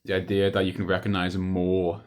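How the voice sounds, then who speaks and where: Casting: young adult male vlogger, lower-pitched, casual and hesitant, loops back over his own phrases. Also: monotone, fairly quick, a little mellow. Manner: hesitant, repetitive, with trailing thoughts. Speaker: video diarist. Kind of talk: casual rambling monologue to camera.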